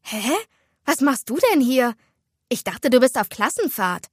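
A good-natured teenage girl who rides horses, played by a woman reading a storybook. She sounds earnest and is quick to be surprised, with a fairly high pitch. The recording is close and dry. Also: dry recording, lightly acted. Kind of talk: storybook dialogue.

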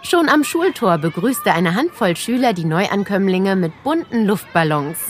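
Lively woman reading a children's story. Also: mid-range voice, normal speed. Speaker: audiobook narrator. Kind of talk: scripted children's story narration.

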